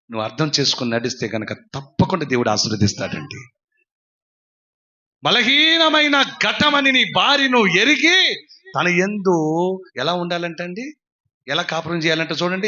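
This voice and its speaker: A man with a high, bright, ringing voice preaches a sermon at a live church prayer meeting. He keeps urging the congregation to respond loudly, then drops into low, quiet stretches. The live-stream audio sounds dull and lo-fi. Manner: swings between loud exhortation and low quiet passages. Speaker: pastor.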